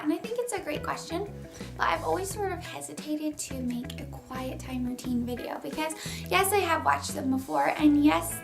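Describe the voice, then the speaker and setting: A woman's voice: sits high, vocal fry. A young woman chatting casually in a morning vlog, her voice still groggy from sleep, laughing lightly between thoughts. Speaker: vlogger.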